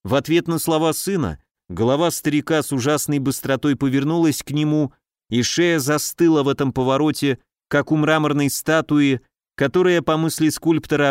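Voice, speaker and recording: A man reading classic prose as an audiobook narrator, even and literary. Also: fairly high pitch, no room sound, studio quality.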